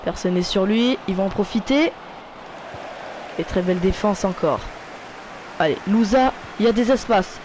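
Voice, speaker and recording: A man with a French accent giving casual play-by-play commentary of his football video game, calling out player names and getting loud when a goal comes. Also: high-pitched, expressive, moderate pace, long pauses, a little hiss or hum. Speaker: gaming YouTuber.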